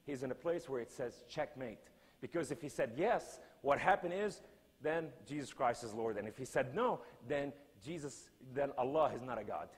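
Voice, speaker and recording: A man giving an impassioned sermon at a conference, swinging from hushed to loud. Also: medium pitch, lively intonation, moderate pace, breathy edge. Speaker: guest speaker. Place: large conference hall. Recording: long hall reverb.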